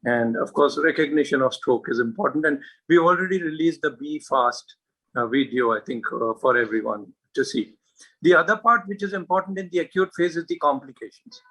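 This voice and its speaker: A man's voice: fairly high pitch, a little fast, fairly bright tone, husky, low-quality recording. A man giving a medical lecture, earnest and emphatic, with frequent filler words and rhetorical questions. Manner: earnest, hesitant with frequent uh and you know fillers. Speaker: neurologist giving a talk.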